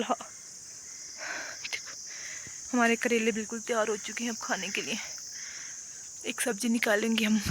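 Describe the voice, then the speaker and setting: Young woman, casual vlogger, bright chatty voice, rambling delivery, phone mic outdoors. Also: a little high, a little hiss or hum. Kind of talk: casual vlog chat. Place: outdoors at a rural home and fields.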